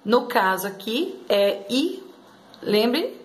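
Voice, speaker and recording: A woman's voice: fairly high pitch, big pitch swings, extremely slow. A woman teacher giving a grammar lesson, explaining step by step and often checking in with her students. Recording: echoey room.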